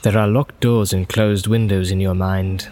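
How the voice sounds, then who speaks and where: A man voicing a noble, stern captain in an audiobook, measured, formal and solemn. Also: low voice, level tone, dark tone, close to an everyday voice. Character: grave noble male captain, stern and just. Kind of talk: audiobook character voice.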